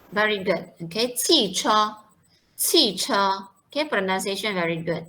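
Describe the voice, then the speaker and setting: A woman teaching a Mandarin lesson, drilling pronunciation and repeating words slowly and clearly for her students. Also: mid-range voice, animated, bright, forceful tone, poor audio.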